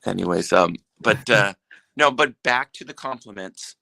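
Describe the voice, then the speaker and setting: A man's voice: on the low side, lively intonation, normal speed, gravelly, pushed and bright, no room sound, low-quality recording. A man chatting as a guest on a live stream, telling jokes and rambling stories that keep interrupting themselves. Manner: rambling, self-interrupting storyteller. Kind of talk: casual joking chat.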